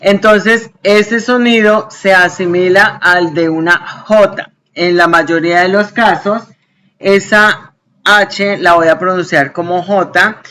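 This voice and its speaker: A woman English teacher explaining grammar in an online class, patient and explanatory, often checking in with quick questions. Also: lowish voice, fairly even intonation, fairly bright tone, a little hiss or hum.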